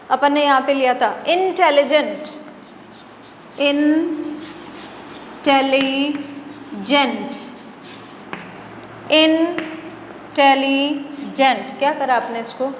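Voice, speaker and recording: Woman, Indian accent, English teacher, high voice, roomy echo, faint ambience. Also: slight background noise. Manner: explains slowly and repeats words, with rhetorical questions. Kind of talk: classroom grammar lesson in Hindi and English. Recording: echoey hall, mic at a distance.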